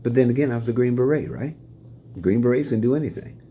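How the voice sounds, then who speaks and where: A man's voice: mid-range voice, fast, a little hiss or hum. An older man from Indiana telling stories from his life, chuckling as he answers questions. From Fort Wayne, Indiana, USA. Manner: animated, chuckling anecdotal storytelling. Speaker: retiring staff member sharing life lessons.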